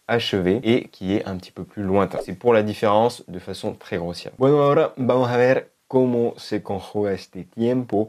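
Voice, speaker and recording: Deep-voiced man teaching a lesson. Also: a little mellow. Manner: explains step by step, repeats examples slowly. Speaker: Spanish teacher. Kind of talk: online language lesson.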